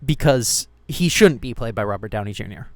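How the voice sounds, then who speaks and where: A man's voice: lowish voice, animated, a little fast, dry recording. Rambling, swearing young man in casual chat. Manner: rambling, heavy filler words, swears casually. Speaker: streamer.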